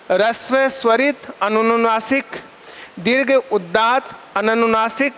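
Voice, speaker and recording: A male Sanskrit lecturer teaching a class, asking questions and answering them himself, repeating terms in lists and dictating definitions slowly for notes. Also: extremely high pitch, fairly bright tone, clear, resonant tone.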